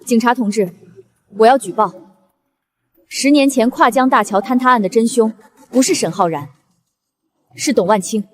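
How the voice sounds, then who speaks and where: A woman's voice: a little high, moderate pace, long pauses, lightly acted. An actress playing a guilt-torn young ex-wife who accuses her scheming husband with emotion. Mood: resolute.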